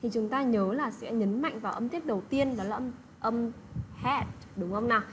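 Against a noisy background, a woman with a slightly high voice speaks a little quickly while teaching children an English lesson. She explains patiently and keeps checking comprehension with phrases like "được chưa".

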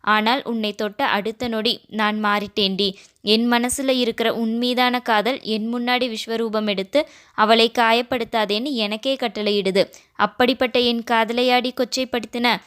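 A woman reading a storybook, voicing an angry and hurt young husband who shouts accusations at his wife. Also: on the high side, fairly even intonation, normal speed, clean tone, close to an everyday voice.

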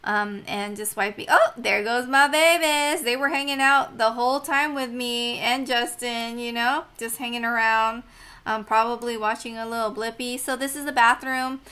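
A woman's voice: fairly high pitch, fairly even intonation, moderate pace, bright, forceful tone, smooth. A young woman vlogger chatting upbeat in a casual voice-over, often laughing as she talks.

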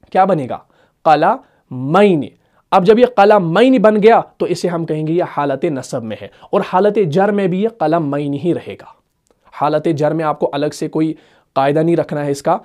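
High-voiced man teaching grammar patiently. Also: darkish tone. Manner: patient, asks the class checking questions. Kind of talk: recorded online lesson.

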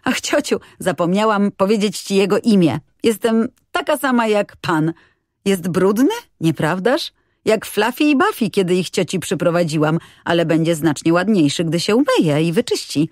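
A woman's voice: mid-range voice, lively intonation, normal speed, no echo, studio quality, close to an everyday voice. A woman reading an audiobook, voicing a cheerful, chatty little girl who talks eagerly.

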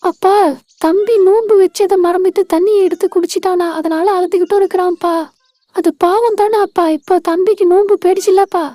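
A woman's voice: extremely high pitch, steady tone, brisk, dry recording, clean studio sound. A woman voicing a young girl, the older sister, who questions and scolds her little brother. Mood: explaining. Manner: scolding, loud.

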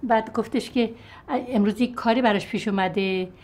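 A woman's voice: on the high side, darkish tone, natural voice. A woman playing a doting, soothing grandmother.

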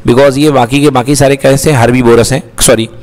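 A man teaches an English lesson in Hindi mixed with English, keeps asking questions and answering them himself, and calls his listeners beta. His mid-range voice has a steady, darkish tone at a moderate pace. The recording has long reverb.

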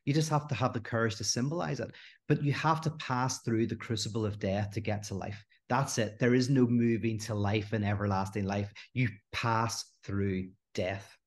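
Middle-aged guy on a podcast, lively, does little voices when telling jokes. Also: on the low side, moderate pace. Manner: expressive, acts out quoted voices in anecdotes. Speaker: guest philosopher. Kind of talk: animated podcast conversation.

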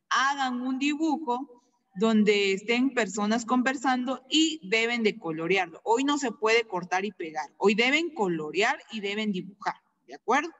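Woman teacher, slow repeat-after-me drilling, long echo. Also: fairly high pitch, a bit bright. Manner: slow, repeats each word for pupils. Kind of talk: online class teaching.

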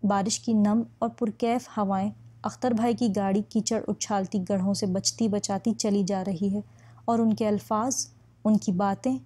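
Woman audiobook narrator, first-person novel, steady measured read, mellow warm voice. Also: mid-range voice.

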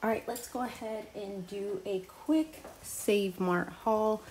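A woman's voice: mid-range voice, slow pace, a little mellow, a little hiss or hum. A woman in her thirties, chatting casually to viewers in a home vlog, calling them y'all, filmed at arm's length. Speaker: lifestyle vlogger. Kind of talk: casual vlog chat to camera. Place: home kitchen and garage, indoors. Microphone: camera held at arm's length.

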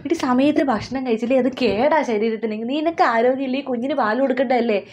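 Woman doing a high-voiced scolding mother, nagging, fast, comic skit. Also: darkish tone, a little hiss or hum, close to an everyday voice. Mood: stern. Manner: scolding, nagging, rapid-fire questions. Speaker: mother of a new mother.

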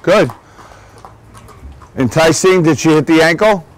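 A man's voice: a little high, unhurried, low-quality recording. Chatty man from Long Island. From Long Island, New York. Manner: chatty, digressive, restarts sentences often. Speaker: racehorse trainer. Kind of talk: guided barn tour. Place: outdoor horse barn shed row.

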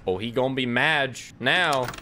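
A man's voice: medium pitch, unhurried, background noise. A man streaming a video game, commenting casually, joking with chat and laughing often.

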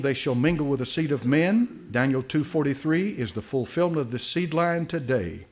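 An older man preaching a sermon from a church podium, reading aloud and commenting with many fillers and restarts. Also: fairly high pitch. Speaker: pastor. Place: church sanctuary. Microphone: podium mic.

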